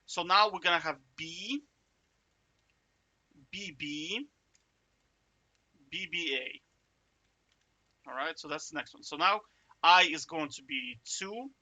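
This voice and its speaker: Slow-talking man walking through code. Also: fairly high pitch, bright, forceful tone. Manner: chatty, self-interrupting, jokey asides; checks in with "right?" often. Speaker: coding tutor. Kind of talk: casual screen-share coding walkthrough.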